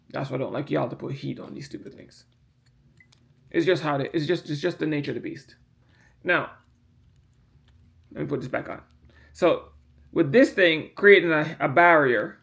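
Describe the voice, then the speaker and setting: A hobbyist whose voice is creaky and a touch high talks casually about printer repair while handling one of the parts. He rambles, says things more than once, and emphasizes the important bits, all while yawning from his medication.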